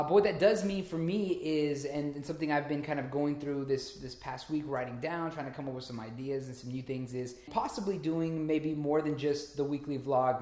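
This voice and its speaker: Casual male vlogger, mid-pitched, rambling delivery, echoey room sound. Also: a little mellow. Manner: rambling, many fillers and restarts. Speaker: vlogger and small business owner. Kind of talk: casual vlog talk to camera. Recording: roomy echo.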